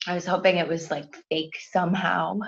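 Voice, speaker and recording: A woman speaking as an interview guest, halting, with many fillers and sighs. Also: on the low side, level tone, creaky. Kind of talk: emotional interview conversation. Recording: dull lo-fi remote audio.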